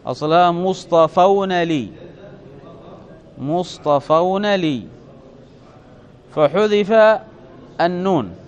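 A man teaching a classroom grammar lesson, explaining step by step and often checking with his students, drawing out his example words slowly. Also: high voice. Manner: slows and stretches example words. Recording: dull lo-fi classroom recording.

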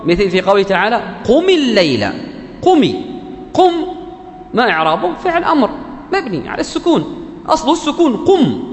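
A man teaching Quran recitation rules in a classroom lecture. He asks questions and answers them himself, repeats key terms, and slowly intones the verse lines he quotes. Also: high voice. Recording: echoey hall with faint background ambience.

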